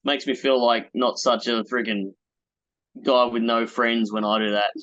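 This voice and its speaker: A man co-hosting a punk podcast in jokey, chatty conversation with quick laughs. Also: mid-range voice, very animated, fairly bright tone, no room sound, dull audio. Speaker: podcast co-host. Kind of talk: casual chat about punk music.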